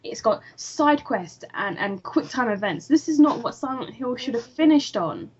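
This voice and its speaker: A woman's voice: on the high side, animated, normal speed, darkish tone. A woman co-hosting a casual podcast, ranting with a sarcastic edge. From United Kingdom. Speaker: podcast co-host. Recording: dull lo-fi with faint noise.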